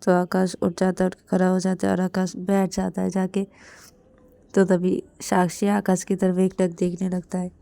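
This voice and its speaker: A woman's voice: fairly low pitch, completely flat delivery, normal speed, vocal fry, mellow, no room sound. Woman casually narrating a love story. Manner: plain narration with many linking words.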